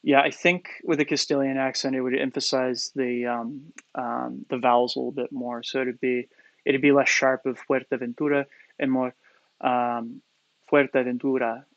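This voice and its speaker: Speaking flatly at a normal speed, a man with a mid-range, slightly bright voice and a Coloradan accent teaches poi spinning on a live stream, fielding viewer questions from a small indoor room. He hesitates often, using fillers and restarting sentences. There's no room sound, and the highs are cut off.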